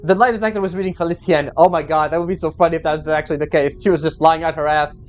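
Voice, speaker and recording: A streamer of unclear gender commenting casually on a story game and reading its narration aloud, sometimes haltingly. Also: mid-range voice, steady tone. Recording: game music underneath.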